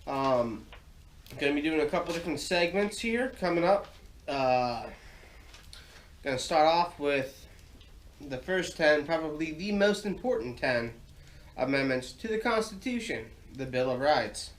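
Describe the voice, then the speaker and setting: An American man with a slightly high voice hosts a casual solo podcast from his home garage. He rambles in a folksy, informal way, and he is getting over sinus surgery that bothers his throat. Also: expressive, unhurried. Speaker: podcast host.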